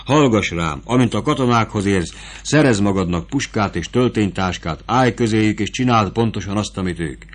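A man reading aloud, voicing a rough, motherly woman who sells goods to soldiers and bosses a young recruit around. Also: fairly low pitch, lively intonation. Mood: bossy. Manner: bossy, scolding and commanding. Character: rough motherly woman army camp seller.

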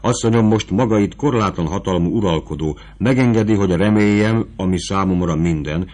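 A man's voice: low voice, a little mellow. A man reading the part of a passionate, anxious young prince in an audiobook, in an earnest, pleading manner.

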